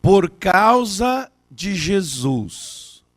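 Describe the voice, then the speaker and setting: A man preaching a sermon as pastor, telling a counseling story and building to loud, fervent peaks. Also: high voice, very animated, drawn-out words, no echo, studio quality. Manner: acts out both sides of a counseling story.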